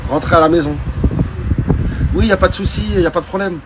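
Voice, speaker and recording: A man telling a casual personal anecdote in an animated way, repeating phrases for emphasis and acting out what people said. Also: high voice, fast talker, heavy background noise. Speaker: storyteller.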